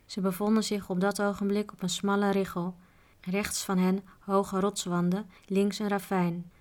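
A woman reading a children's book aloud as a storyteller, in a calm, even way. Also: mid-range voice, moderate pace.

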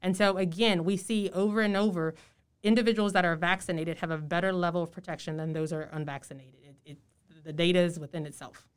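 Clear, low-voiced woman speaking through a face mask. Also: steady tone. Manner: measured, explanatory, emphatic on key points. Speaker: public health official, podcast guest. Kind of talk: informative podcast interview.

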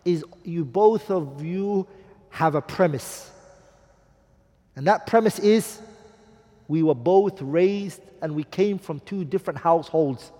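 A man's voice: on the high side, slow, dark tone, in a large hall. A man teaching a class on marriage, emphatic, asking the students rhetorical questions and quoting Arabic texts. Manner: quotes Arabic hadith and poetry. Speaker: Islamic teacher.

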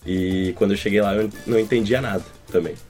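A man's voice: on the low side, fast talker, a little mellow, faint music behind. A young man, telling easygoing anecdotes as a guest. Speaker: exchange student guest.

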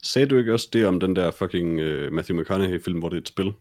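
A man's voice: sits low, darkish tone. A man co-hosting a film podcast, wry and contrary in casual chat. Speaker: podcast co-host.

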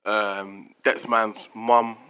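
Podcast co-host, young male, London roadman accent, deepish voice with a sharp, bright edge, casual and slangy. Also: level tone, drawn-out words, smooth. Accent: London, urban street slang. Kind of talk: casual group chat.

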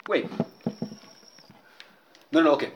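A man's voice: slow pace, echoey room, dull audio, background noise. A man hosting a casual group chat, talking loosely with swearing and frequent laughter. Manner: loose, profane, laughing often.

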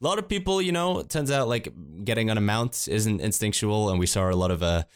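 A man's voice: lowish voice, fast talker, clear, resonant tone, no room sound, studio quality. A man co-hosting a casual podcast, sounding sick and talking in a rambling way with many fillers. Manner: rambling, filler-heavy talk. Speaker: podcast co-host.

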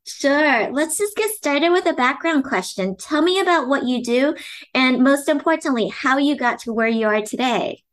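A woman's voice: high voice, animated, moderate pace. A woman hosting a podcast, asking curious, friendly questions. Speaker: podcast host.

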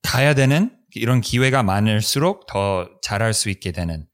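Co-host: man, lowish voice, foreign accent, conversational, searches for words. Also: animated, normal speed. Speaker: co-host, Korean learner. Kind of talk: casual discussion.

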